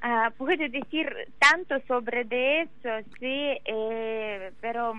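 An emotional woman with a Ukrainian accent gives interview testimony haltingly, searching for words in a language that is not her own. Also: a little high, no room sound, phone-quality sound. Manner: halting, searching for words in non-native Spanish. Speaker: interview guest.

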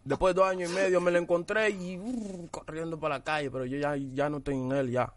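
A man's voice: fairly high pitch, steady tone, brisk, a crowd in the background. A young man, a rapper guest in a casual interview, talking bluntly and toughly with repeated tag questions.

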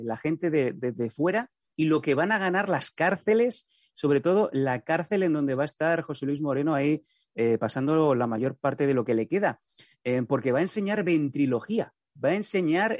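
A man's voice: medium pitch, a little mellow, no echo, clean studio sound. A man hosting a comedy show, rambling in mock-solemn tones with plenty of stops and restarts. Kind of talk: casual comic banter.

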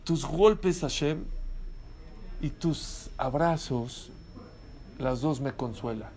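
A man's voice: mid-range voice, extremely slow, very noisy. A man preaching a sermon as a rabbi, telling stories and asking rhetorical questions with animation.

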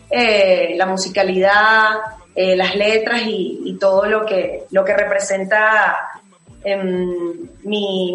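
A woman's voice: mid-range voice, fairly bright tone, echoey room, low-quality recording. A singer-songwriter woman from Venezuela in her late twenties, answering interview questions thoughtfully with many fillers and restarts.

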